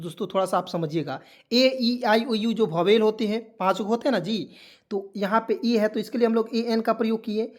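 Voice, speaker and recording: A man giving an online English lesson, repeating points and answering his own questions, with a preachy motivational tone and frequent friendly fillers. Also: sits high. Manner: keeps saying "okay" and "friends" as fillers. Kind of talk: spoken lesson to a video audience.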